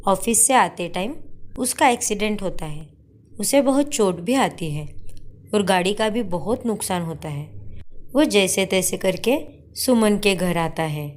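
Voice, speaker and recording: Woman telling a cartoon bedtime story, steady, mid pitch. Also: a little slow. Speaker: narrator. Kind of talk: storybook narration.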